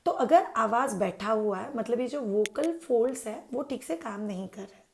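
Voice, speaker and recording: Hosting a parenting channel, a woman chattily explains baby care to parents, mixing English words into her speech and answering her own questions. Her voice is on the high side, gravelly and expressive, at a moderate pace.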